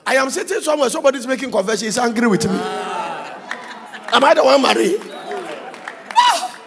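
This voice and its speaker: A man preaching a sermon in a singsong, shouting style, breaking into laughter between points. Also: very high voice, animated, fast talker, gravelly, big-room sound, crowd noise, background noise.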